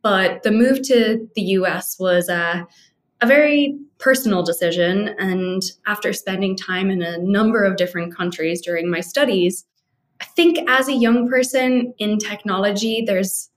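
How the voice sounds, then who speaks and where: A young Irish woman from Dublin, a guest on a video call, speaking in an articulate, measured way about her life. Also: mid-range voice. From Ireland. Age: young adult. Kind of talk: reflective interview storytelling.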